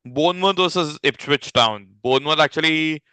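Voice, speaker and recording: Guy with a bright clear voice chatting football, dry close sound, lots of quick yeps. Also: on the high side, no room sound, rough recording. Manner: brief agreeing replies, relaxed. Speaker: podcast co-host. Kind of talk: casual football chat.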